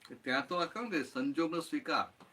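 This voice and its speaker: A man's voice: on the high side, lively intonation, brisk, sharp tone, slightly rough. A man giving a satsang talk as spiritual teacher, explaining with everyday examples and often checking that listeners follow. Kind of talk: satsang talk answering a question.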